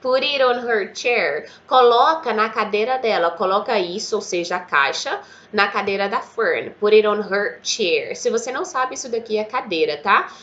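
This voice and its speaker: A woman with a Brazilian Portuguese accent teaches English in a casual, lively manner. She slows down and repeats words for her learners in a bright, forceful voice. The recording sounds a little dull and muffled. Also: mid-range voice. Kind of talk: casual online English lesson.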